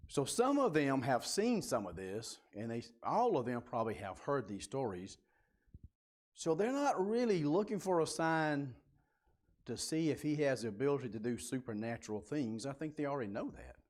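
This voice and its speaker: Man leading a church class, casual and questioning, with a lively, rising-and-falling pitch at a middle register. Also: normal speed. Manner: animated, questioning, informal. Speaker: Bible class teacher. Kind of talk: conversational Bible class teaching. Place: church building.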